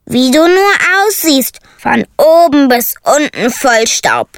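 A woman's voice: high-pitched, sing-song, slow pace, no room sound, clean studio sound, exaggerated voice. A woman voicing a fretful, scolding male raven in a storybook reading, squawking and fussing.

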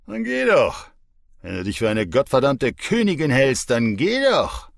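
A man's voice: mid-range voice, wildly swooping pitch, measured pace, vocal fry, dry recording, studio quality, pitched above the performer's own voice, heavily acted. A man doing a drunk, sneering brute. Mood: mocking. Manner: mocking, taunting, loud. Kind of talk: audiobook character voice.

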